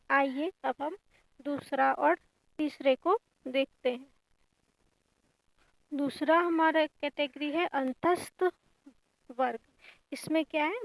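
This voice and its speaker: A woman with a high, gravelly voice teaches a grammar lesson at an unhurried pace. She explains each point patiently and stresses what matters for exams. The sound is dry and close. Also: no room sound, poor audio. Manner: patient, explains step by step and stresses exam importance. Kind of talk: exam-prep grammar lesson.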